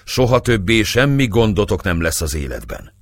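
A man's voice: fairly low pitch, sing-song, no echo, clean studio sound. A man reading aloud and voicing a cheerful, commanding Turkish bey in a story. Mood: delighted. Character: jovial Turkish bey, middle-aged man.

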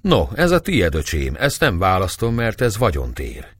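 A calm captain with a fatherly, measured way of speaking, put on by a male storyteller. The voice sits higher than the reader's own low tone and rises and falls in lively swings. The sound is dry and close. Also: slightly rough, no echo, exaggerated voice.

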